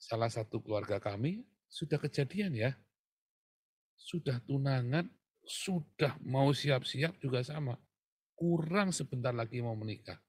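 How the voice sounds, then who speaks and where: Male pastor, husky, dry close sound, chatty sermon storyteller with sudden loud stresses. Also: mid-range voice, animated, measured pace, pauses often, dry recording. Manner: conversational storytelling, swings from quiet to loud emphasis.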